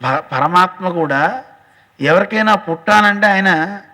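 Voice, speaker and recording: Man, devotional storytelling sermon, fairly high voice, animated, long hall reverb. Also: measured pace. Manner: animated, acts out dialogue, addresses listeners directly. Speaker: religious teacher.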